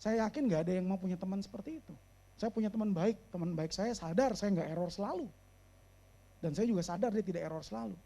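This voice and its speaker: A pastor who is also a therapist preaches a sermon in a creaky voice, weaving English phrases into his speech. To stress a point he slows down and gets louder, and for serious moments he drops low and quiet.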